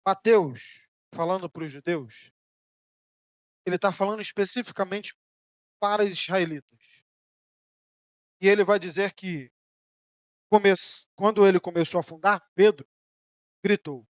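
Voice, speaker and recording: Man, Brazilian accent, pastor's sermon, emphatic swells and quiet drops, high pitched. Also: unhurried, pauses often, dry recording, clean studio sound. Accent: Brazilian Portuguese. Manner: preaching with emphatic rises and sudden soft drops; voices imagined questions from listeners.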